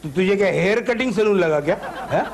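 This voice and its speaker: An actor playing a cheeky, quick-witted courier shop owner in a sitcom, with animated comic delivery. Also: male voice, high voice, creaky. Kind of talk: 1990s TV sitcom acting.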